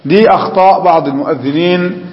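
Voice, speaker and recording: A man's voice: fairly high pitch, brisk. A man with an Egyptian Arabic accent teaching a religious lesson. He explains step by step, keeps asking the class questions, and chants phrases to demonstrate them. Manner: chants the call to prayer to demonstrate it. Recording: echoey hall, dull lo-fi sound.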